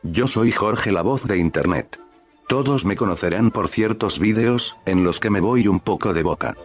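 A man's voice: on the low side, moderate pace, husky. A man voicing a brash, foul-mouthed male internet personality, who slides from a mock-formal intro into cursing. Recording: music bed underneath.

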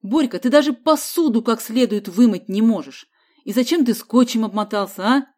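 A woman voicing a short-tempered middle-aged man who snaps and scolds loudly. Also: mid-range voice, expressive, moderate pace, close to an everyday voice. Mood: scolding. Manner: snapping, scolding, loud.

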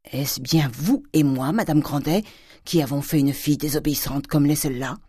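A reader voicing a domineering, miserly old father who lurches from loud fury to hissed whispers. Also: mid-range voice, normal speed, slightly rough, no echo, studio quality, close to an everyday voice. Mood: mocking. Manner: thundering, swinging from shouts to hissed whispers. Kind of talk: audiobook character reading.

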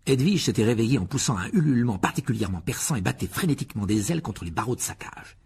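A man reading an audiobook expressively, with a lively delivery that rises in pitch for dialogue. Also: quick pace, slightly rough. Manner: lively, voices Harry with rising pitch in dialogue. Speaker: audiobook narrator.

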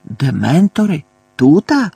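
A man's voice: mid-range voice, moderate pace, husky, dry recording, close to an everyday voice. A male narrator voicing a scruffy, shifty small-time crook who mumbles and stammers in slang. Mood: startled.

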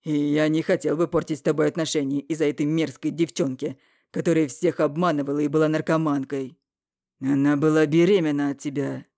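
Woman voicing a gravelly, sneering young man. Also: deep voice, level tone, fairly quick, no echo, studio quality. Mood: defiant. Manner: loud, evasive, sneering. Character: scheming young man, mocking and defensive. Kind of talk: audiobook character reading.

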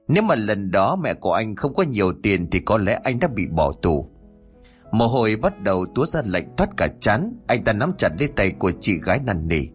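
A man narrating a dramatic horror story in a steady, scripted reading. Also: fairly low pitch. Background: faint music.

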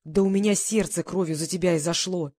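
A woman's voice: lowish voice, fairly even intonation, a little fast, warm tone, dry recording, lightly acted. A woman voicing an anxious, stern older mother who scolds her grown daughter in an audiobook. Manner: pleading, then stern and scolding.

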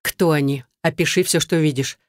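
A woman voicing a calm, firm man who gives orders over the phone to a girl in danger, in a story read aloud. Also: low-pitched, moderate pace, no room sound, studio quality, natural voice. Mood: firm, commanding. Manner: firm, commanding, steady. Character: calm, firm middle-aged male rescuer on the phone.

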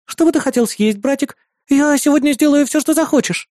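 A man's voice: very high voice, fairly quick, darkish tone, no room sound, studio quality, voice pushed up. A man voicing a sweet, devoted young girl, the narrator's little sister, who talks in an affectionate, pleading way.

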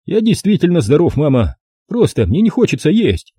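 A man's voice: on the high side, very animated, moderate pace, mellow, breathy edge, no echo, clean studio sound, pitched above the performer's own voice. A man voicing a meek but irritable grown son answering his mother in an audiobook. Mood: sullen. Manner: sullen, dutiful. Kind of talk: audiobook character voice.

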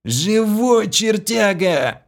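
A man voicing a rowdy, hulking young brute who shouts crudely and boisterously. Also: mid-range voice, sing-song, measured pace, voice pushed up.

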